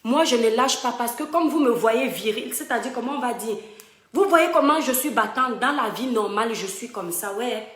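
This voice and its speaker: A woman's voice: fairly high pitch, expressive, moderate pace, a bit bright. Woman telling stories, roomy sound. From Cameroon. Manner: emphatic, fond, addresses viewers directly. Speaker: live-stream storyteller. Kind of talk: casual storytelling to online followers. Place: home room. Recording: roomy home echo.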